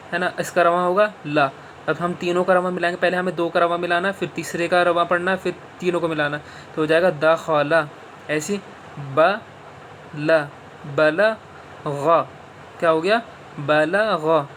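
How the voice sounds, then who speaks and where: A man teaching Quran reading slowly, spelling out letters and syllables one by one and patiently quizzing the listener as he goes. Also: on the high side, a bit bright, slight background noise. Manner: patient, repeats letters and asks the listener questions. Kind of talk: slow spelling-out lesson.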